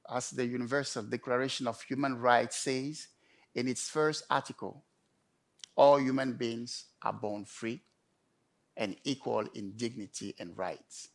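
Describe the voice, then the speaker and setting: A man delivering a prepared storytelling talk in measured, emphatic short phrases with pauses. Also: mid-range voice. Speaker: conference speaker.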